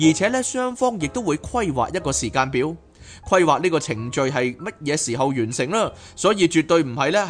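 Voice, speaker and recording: A man, pitched a little above the usual male range, reads a book aloud and then slips into lively, chatty asides. He carries the talk as podcast host, with soft music playing faintly underneath. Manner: animated, chatty asides between reading. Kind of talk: reading a book aloud with commentary.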